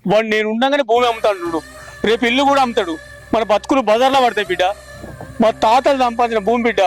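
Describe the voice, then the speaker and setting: A man's voice: very high-pitched, rough recording. An actor playing an old village farmer with a Telangana Telugu accent who guards his family land and scolds his son. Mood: fearful. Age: older. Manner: scolding, pleading. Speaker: farmer father. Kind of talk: village short film acting.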